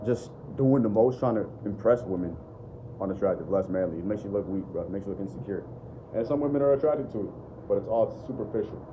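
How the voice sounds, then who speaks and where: A young adult man with a deep voice, a dating and self-improvement vlogger, talks off the cuff to his phone camera held at arm's length in his living room. He speaks fairly quickly, bluntly and profanely, repeating "bro" and "bottom line." The audio sounds dull, with a noisy background.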